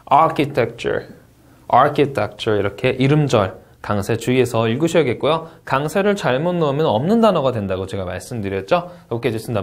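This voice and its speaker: A man teaching a test-prep lecture, asking rhetorical questions and carefully reading out English model answers. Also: medium pitch. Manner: lively teacherly delivery, frequent "자" and rhetorical questions. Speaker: TOEIC Speaking instructor. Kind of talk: exam review lecture.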